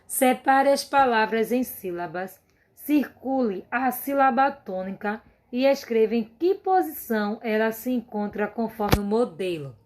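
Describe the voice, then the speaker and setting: A woman's voice: a little high, expressive, a little slow, a little mellow, a little hiss or hum. A woman teacher with a Brazilian Portuguese accent, going over workbook exercises in a remote class and patiently dictating lists of words one by one.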